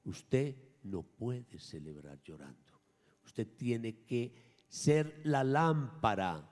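A man, a priest, preaching a sermon at Mass, emphatic, swinging between raised and hushed lines. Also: on the low side, lively intonation, drawn-out words, in a large hall. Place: church.

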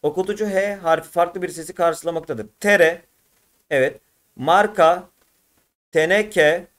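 A man's voice: high-pitched, fairly bright tone. A man teaching an exam walkthrough lesson, addressing students as friends and drawing words out syllable by syllable. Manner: slow, drawn-out syllable by syllable explanation.

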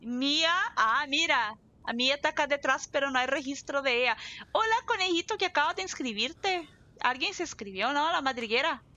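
She's a Portuguese-speaking streamer from southern Brazil, chatty and quick to laugh as she talks casually through her live gameplay. Her high, animated voice is pushed and bright at a moderate pace, and the recording's highs are cut off.

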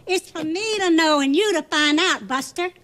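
A woman's voice: very high voice, moderate pace, background noise. A woman playing a sassy, defiant old lady with a mouthy, taunting manner. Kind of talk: film comedy acting.

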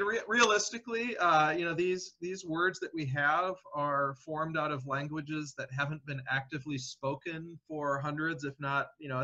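A man's voice: a little high, pushed and bright. A man, a paleontologist guest, answering questions in a casual interview, thinking aloud with many fillers and restarts. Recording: dull lo-fi audio.

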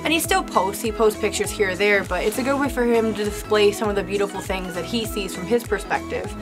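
A woman's voice: mid-range voice, brisk, music in the background. A young woman vlogging on a winter hike in the woods, talking chattily to a handheld camera with lots of fillers. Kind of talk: casual vlog talk to camera.

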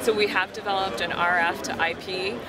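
Man giving a product demo over crowd noise. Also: a little fast. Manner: steady explanatory pitch with frequent ums. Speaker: company presenter at a trade show. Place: busy trade show floor. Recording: loud crowd noise behind. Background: loud crowd chatter.

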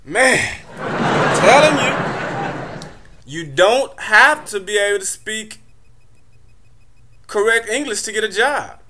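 A man's voice: high-pitched, expressive, takes it slowly, pauses often, sharp tone, slight background noise. A young man doing a stand-up comedy monologue, telling loose, chatty stories full of fillers.

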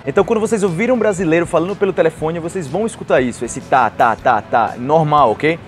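A young man with a Brazilian accent, a young adult, talks to camera on an outdoor patio near trees and a street, giving a conversational language lesson with acted-out example phrases. Through his lapel mic his voice comes across fairly high and fast, with faint music in the background.

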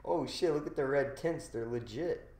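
A man's voice: mid-range voice, normal speed, a little mellow. A young man with a slangy, heavily profane frat-bro manner, giving casual commentary while playing a game. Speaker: gamer recording a gameplay video. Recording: roomy echo, engine noise behind. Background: racing game car sounds.

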